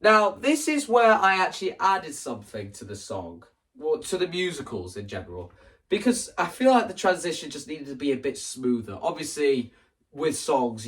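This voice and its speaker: In this distant recording, a man with a medium-pitched, somewhat bright voice gives a rambling explanatory vlog on staging a musical. The content creator performs scenes and quotes lines as he describes the show.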